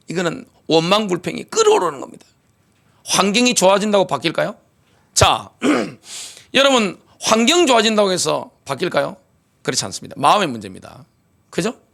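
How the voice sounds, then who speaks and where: A male pastor preaching a sermon, asking the congregation questions and answering them with emphasis, clearing his throat often. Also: sits high, sharp tone. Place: church sanctuary.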